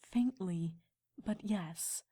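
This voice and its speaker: A woman's voice: mid-range voice, mellow, breathy edge. Woman as graceful, composed pony sun princess. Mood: thoughtful. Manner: composed, measured, regal. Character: graceful, kindly mature pony sun princess, calm mentor. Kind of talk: cartoon-style fan fiction dramatization.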